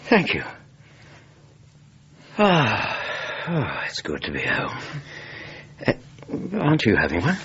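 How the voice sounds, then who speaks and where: Husky, low-voiced English Doctor Watson. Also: male voice, huge pitch swings, slow, pauses often, a bit bright, full character voice. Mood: weary, reflective. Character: John Watson, warm, thoughtful married doctor and storyteller. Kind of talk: radio drama acting and narration. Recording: dull, muffled radio recording.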